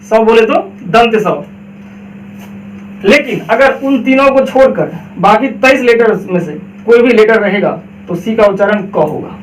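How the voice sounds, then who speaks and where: High-voiced man teaching in an echoey room. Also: animated, unhurried, distant mic, slight background noise. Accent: Indian, Bihar. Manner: explains step by step, asks and answers his own questions. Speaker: English teacher. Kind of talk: classroom pronunciation lesson.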